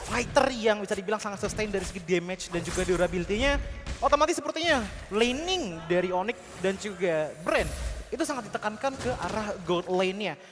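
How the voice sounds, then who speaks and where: A man with an Indonesian accent giving wordy, analytical esports commentary. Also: high-pitched. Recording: hall-like reverb, music behind. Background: music.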